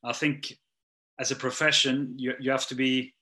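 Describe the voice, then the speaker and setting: At a moderate pace, a middle-aged strength and conditioning coach answers interview questions in a mid-range, pushed and bright voice that barely changes pitch. English isn't his first language; he restarts often, uses many fillers, and trails off at the ends of sentences.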